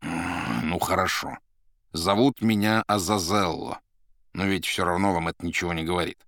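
A man's voice: low-pitched, normal speed, a bit bright, no echo, clean studio sound. A man reading an audiobook, voicing a surly, bored man who talks curtly and sardonically. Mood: grumbling. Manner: grumbling, curt. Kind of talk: audiobook character voice.

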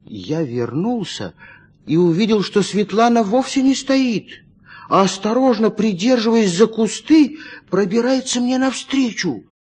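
Male narrator, husky tone, very animated story reading. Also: high voice, unhurried. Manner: lively, dramatic storytelling with shifting emphasis.

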